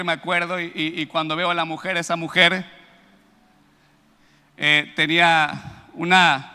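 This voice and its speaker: A man's voice: fairly high pitch, clear, resonant tone, in a large hall. A man preaching a sermon and telling a personal testimony, acting out the voices of the people in his story. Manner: animated storytelling, acts out quoted voices, builds to loud praise.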